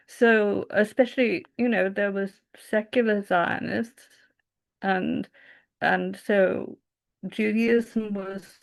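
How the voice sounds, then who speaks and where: Slow, reflective woman guest with fry. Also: medium pitch. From England. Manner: reflective and thoughtful, searching for words. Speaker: interview guest. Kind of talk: conversational interview.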